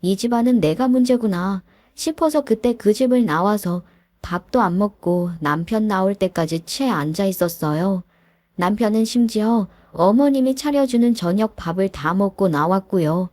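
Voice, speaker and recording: A woman's voice: medium pitch, lively intonation, moderate pace, a little mellow, no room sound. A woman telling a first-person story as a narrator in a confiding, indignant way.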